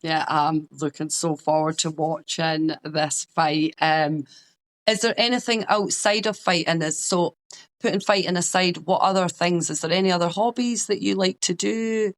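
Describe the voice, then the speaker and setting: A man's voice: high-pitched, steady tone, normal speed, fairly bright tone. A man interviewing a fighter in a casual chat, agreeing often and asking open questions. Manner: agreeable, frequent "yeah", "a hundred percent".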